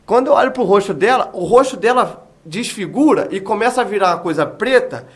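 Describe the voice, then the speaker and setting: Brief: high-pitched male evangelist, podcast guest, dramatic storyteller acting out quotes. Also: lively intonation, a little fast, slightly rough. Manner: vivid storytelling that acts out remembered dialogue. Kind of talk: testimony in a podcast interview.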